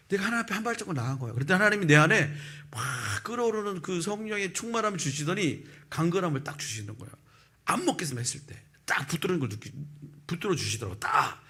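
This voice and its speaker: A male pastor in his fifties preaching a sermon and telling a personal testimony, with lively storytelling that acts out the people in it. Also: fairly high pitch, breathy edge. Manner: animated storytelling, acting out quoted voices. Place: church sanctuary.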